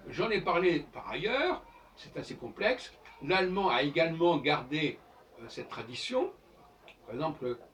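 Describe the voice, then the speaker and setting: A man giving an informal lecture as host of his own channel, explaining in a professorial way and spelling out examples letter by letter. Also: a little high. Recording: distant mic with faint background noise.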